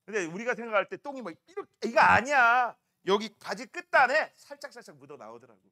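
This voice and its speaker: A middle-aged man teaching a science class, telling animated stories and throwing in chatty rhetorical questions. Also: extremely high pitch, quick pace. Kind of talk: classroom lecture.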